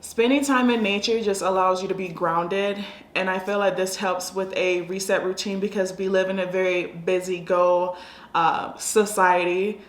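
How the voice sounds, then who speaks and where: A woman's voice: medium pitch, fairly even intonation, normal speed. An American woman giving casual lifestyle advice in a chatty, conversational vlog style. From United States. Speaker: lifestyle vlogger. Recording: echoey room sound.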